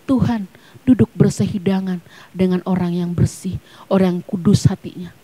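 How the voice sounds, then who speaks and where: A woman pastor preaching a sermon at a church service. She is emphatic, swinging between hushed near-whispers and loud, fervent peaks. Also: on the low side, little pitch movement, normal speed.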